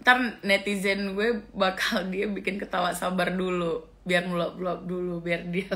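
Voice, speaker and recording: A woman's voice: lowish voice, little pitch movement, unhurried, sharp tone. A middle-aged woman vlogger ranting casually and scornfully, with frequent exclamations of disgust. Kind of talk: casual reaction rant.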